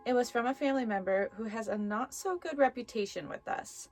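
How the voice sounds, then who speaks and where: A woman's voice: fairly high pitch, fairly quick, darkish tone. A woman hosting a casual, chatty video where she reads stories and talks playfully to viewers and the things around her. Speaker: host of a haunted doll story video. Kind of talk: casual chatty vlog with story reading.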